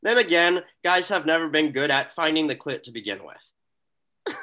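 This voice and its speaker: A man's voice: on the high side, expressive, measured pace, sharp tone. A man co-hosting a casual podcast, laid-back and hesitant. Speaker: podcast co-host. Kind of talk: casual chat.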